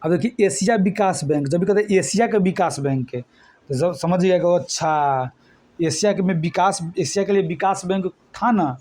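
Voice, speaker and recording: A man's voice: sits high, moderate pace, darkish tone. A man from eastern India, teaching an exam-prep lesson with memory tricks. He talks colloquially and keeps quizzing his students.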